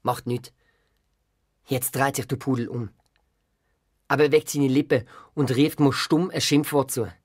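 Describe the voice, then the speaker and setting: A lively storyteller with a Swiss German accent narrates a children's audio story in the first person as a young boy. The voice is husky and breathy, and the pitch jumps up often. It sounds close and dry, with no room around it. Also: measured pace, long pauses, no room sound.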